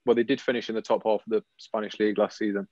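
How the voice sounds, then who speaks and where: British quizmaster on a dull dry line. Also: male voice, on the low side, flat delivery, darkish tone, no room sound. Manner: reads questions briskly, dry teasing. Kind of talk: casual quiz hosting.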